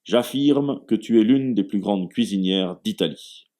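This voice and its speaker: Genial middle-aged father, relaxed and content, read by a deep-voiced man. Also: unhurried, close to an everyday voice.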